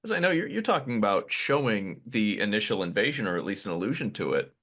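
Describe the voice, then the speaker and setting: Speaking quickly and very animatedly, a man with a lowish, slightly bright voice hosts a podcast as a casual conversational interview. He rambles a bit and makes self-deprecating remarks.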